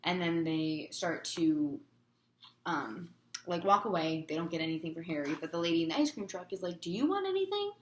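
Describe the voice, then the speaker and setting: A woman's voice: low-pitched, steady tone, moderate pace, roomy sound, a little hiss or hum. A woman teacher giving a chatty chapter review for her students, with lots of fillers.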